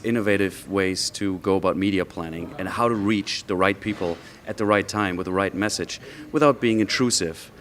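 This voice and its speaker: A man answering interview questions as a marketing executive on a judging panel, speaking in a measured way with occasional fillers. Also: low voice, a bit bright, slight background noise.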